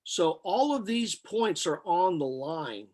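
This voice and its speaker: A man giving a lecture, working through problems step by step in a halting, matter-of-fact, flat delivery as he thinks aloud. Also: high voice. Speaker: chemistry lecturer.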